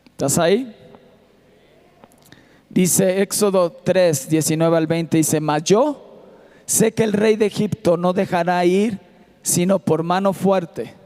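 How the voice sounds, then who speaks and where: A man's voice: high-pitched, fairly even intonation, slow, long pauses, dark tone. A man preaching a sermon in a church auditorium with a Mexican Spanish accent, sometimes half-singing his lines. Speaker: pastor.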